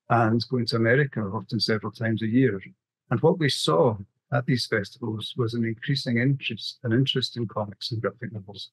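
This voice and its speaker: This is a middle-aged graphic novelist with a west-coast Scottish accent delivering a prepared talk as a webinar presenter on a video call. His voice sits at medium pitch with a breathy edge, and the recording is dry and rough.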